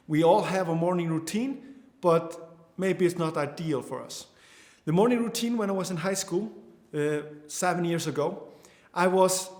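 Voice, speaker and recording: A young Icelandic man in his twenties, speaking with an Icelandic accent, teaches an online course in an earnest way. His voice sits high and the sound is roomy. He keeps restarting sentences and leaning on fillers.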